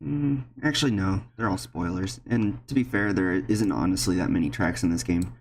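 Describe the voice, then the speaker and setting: A man's voice: low voice, normal speed, darkish tone, husky. Chatty male streamer thinking aloud. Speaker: streamer and game developer. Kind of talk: casual gameplay commentary. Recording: game music playing behind.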